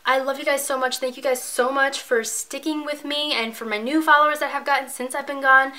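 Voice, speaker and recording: Bright, bubbly young woman vlogging. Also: high-pitched, steady tone, fairly quick. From Tampa, Florida. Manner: gushing, bubbly, repeats "obsessed" and "like". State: out of breath and tired. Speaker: beauty YouTuber. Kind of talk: casual vlog chat to camera.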